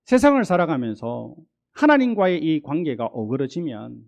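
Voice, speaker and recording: A middle-aged man with a Gyeongsang accent preaches in a church sanctuary. His voice sits a little high for a man and moves a lot, rising and falling. He speaks to the congregation in a conversational way. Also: huge pitch swings, moderate pace, vocal fry, a little mellow, lo-fi sound. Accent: Gyeongsang Korean. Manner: conversational preaching, acts out God's reassuring voice. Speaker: pastor. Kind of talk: sermon.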